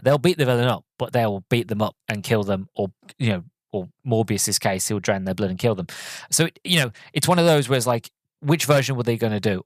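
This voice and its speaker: A man hosting a solo podcast, recapping a film in a loose, rambling way with many fillers and restarts and sudden bursts of excitement. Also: mid-range voice, dry recording. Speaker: podcast host reviewing a film.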